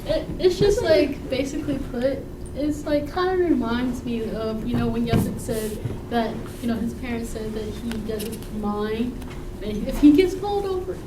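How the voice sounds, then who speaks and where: A woman's voice: fairly high pitch, moderate pace. A young woman, a college student, chatting casually and acting out her relatives with lots of laughter. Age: young adult. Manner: animated storyteller, acts out relatives, laughs often. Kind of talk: casual chat. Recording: echoey room, far from the mic, loud noise.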